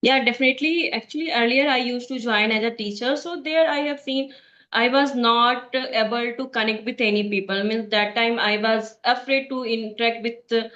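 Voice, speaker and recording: A woman from Bihar, speaking English with an Indian accent, practices in a casual chat; her voice is on the high side, slightly bright, at a moderate pace. She sounds hesitant, full of fillers and restarts, and the recording is echoey with a dull lo-fi quality.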